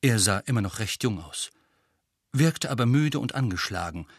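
A man reading a story aloud in an expressive, animated narration, voicing each character. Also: lowish voice, moderate pace, breathy edge, no echo, studio quality. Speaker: audiobook reader.

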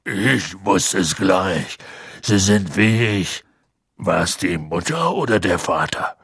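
A man voicing a huge, gruff, lonely half-giant gamekeeper with a deep husky voice and slow, halting speech. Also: animated, fairly bright tone, dry recording, clean studio sound, heavily acted. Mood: wistful. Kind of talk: audiobook character voice.

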